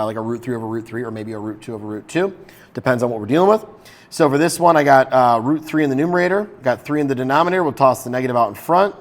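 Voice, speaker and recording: Upbeat chatty male math teacher. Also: medium pitch. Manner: upbeat, chatty, talks to viewers directly. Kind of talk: casual video math lesson.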